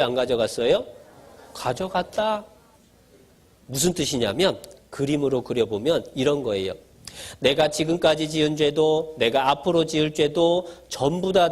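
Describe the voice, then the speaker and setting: A male pastor giving a sermon to children, asking them questions and answering them himself, in a simple, playful storytelling way. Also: on the high side. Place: church gathering for children.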